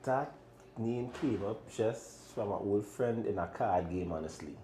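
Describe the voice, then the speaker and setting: A Trinidadian man in his thirties with a very low, deep voice talks in an easygoing way, laughing often. The room is echoey, and there is a faint hum of background noise. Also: a little slow, warm tone. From Trinidad and Tobago. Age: 30s. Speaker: chef and restaurant owner. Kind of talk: casual interview chat.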